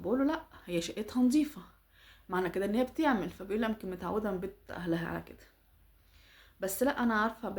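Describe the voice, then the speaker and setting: Woman, Egyptian accent, middle-aged, rapid casual storytelling, animated advice. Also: medium pitch. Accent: Egyptian Arabic. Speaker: social media storyteller and advice giver. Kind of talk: casual chat retelling a follower's problem and advising.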